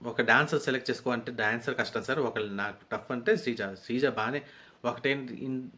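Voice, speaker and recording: Male reviewer, mid-pitched voice, loose chatty recap style, lots of restarts. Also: a little fast, pushed and bright. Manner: rambling, conversational retelling with frequent restarts. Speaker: reality show reviewer. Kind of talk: casual episode recap.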